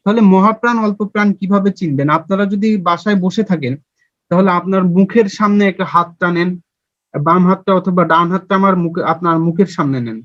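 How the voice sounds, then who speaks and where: A man's voice: high-pitched, a little fast, fairly bright tone, no echo. A young man teaching a Bangla grammar lesson online. He explains step by step, quizzes his viewers and answers himself, and has them repeat sounds along with him. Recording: dull, lo-fi and dry.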